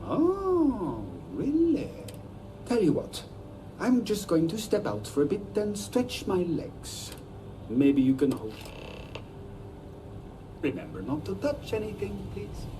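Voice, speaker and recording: An actor playing a flustered, apologetic ship security chief in a video game, hesitant and stammering politely. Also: male voice, sits high, huge pitch swings, takes it slowly, long pauses, warm tone, far from the mic, a little hiss or hum, heavily acted. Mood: accommodating.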